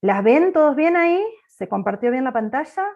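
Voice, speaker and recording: Female accounting teacher, bossy and loud-sounding, lecturing on a video call. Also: high-pitched, expressive, normal speed, highs cut off. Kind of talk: online class lecture.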